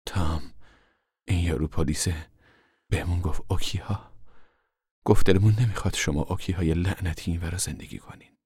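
A man voicing a weary, worried older mother in an audiobook, speaking softly and sometimes near a whisper. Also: sits low, long pauses, breathy edge, dry recording, clean studio sound, full character voice. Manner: soft and subdued, drops to a near whisper. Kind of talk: audiobook character voice.

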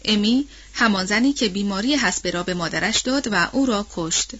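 A woman narrating a novel in a measured, expressive reading, on a dull lo-fi recording. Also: medium pitch, breathy edge. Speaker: audiobook narrator. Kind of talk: scripted literary narration.

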